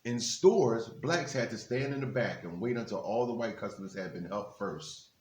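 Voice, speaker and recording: A man with a lowish voice reads a children's book expressively at normal speed, pausing for informal, encouraging asides to the children listening. He's the guest reader at a reading for a basketball team's literacy program, captured in an echoey, reverberant room.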